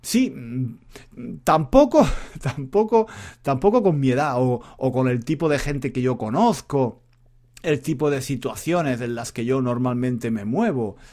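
A male language teacher talks in a relaxed, meandering way. His pitch rises and falls a lot as he speaks, and he often circles back on his own words. It feels like an informal spoken lesson. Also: unhurried. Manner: rambling, chatty, often repeating himself. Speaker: Spanish teacher and podcaster. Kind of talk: casual spoken lesson monologue.

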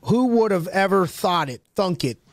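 Brief: male podcast host, slightly higher voice, energetic and rambling, restarts a lot, dry close recording. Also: normal speed, no room sound. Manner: hyped, rambling, many restarts and slang. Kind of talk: casual interview chat.

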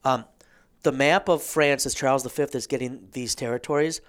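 A man's voice: mid-range voice, normal speed. A man in a casual history chat, explaining things and tossing in joking asides.

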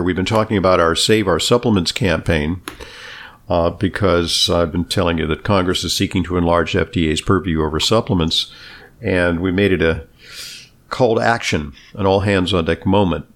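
Male podcast host, slightly hoarse, low pitch, casual and halting delivery. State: slightly hoarse after screaming at a game. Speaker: podcast and radio host, doctor. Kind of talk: casual talk show chat.

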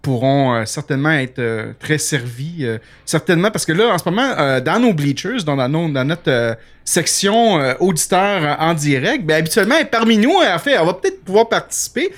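Lively Québécois man hosting a show. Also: fairly high pitch, a little fast, hardly any pauses. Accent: Québécois French. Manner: animated, lots of fillers. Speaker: podcast host. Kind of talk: casual radio chat.

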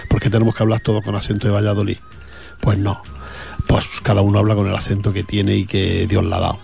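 Talking fast in a completely flat delivery, the man has a lowish voice with vocal fry and a darkish tone, backed by soft music. He's an Andalusian radio host chatting casually between songs, rambling with plenty of fillers and repeated words.

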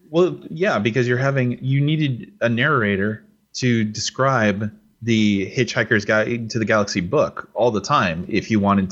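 Podcast co-host, male, low voice, rambling casual delivery, muffled lo-fi sound. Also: a bit bright. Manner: rambling, many restarts and fillers. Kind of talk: casual chat.

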